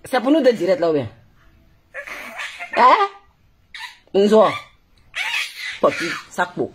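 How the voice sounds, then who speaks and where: A woman's voice: mid-range voice, very animated, takes it slowly, a bit bright, a little hiss or hum. A woman with an Ivorian French accent, a blogger ranting on a Facebook live stream into her phone, mocking and scolding with a lot of laughter. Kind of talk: heated live-stream rant.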